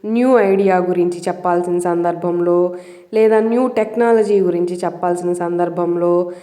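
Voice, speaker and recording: A woman's voice: on the low side, steady tone, moderate pace, mellow, roomy sound. Patient woman teacher with a Telugu accent. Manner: patient, explains step by step, asks rhetorical questions. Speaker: English pronunciation teacher. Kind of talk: Telugu explainer lesson.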